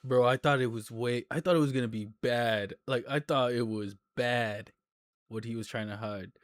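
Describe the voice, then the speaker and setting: A man's voice: medium pitch, steady tone, moderate pace, no room sound. A man casually reacting off the cuff in a slangy, incredulous way. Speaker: reaction video commentator.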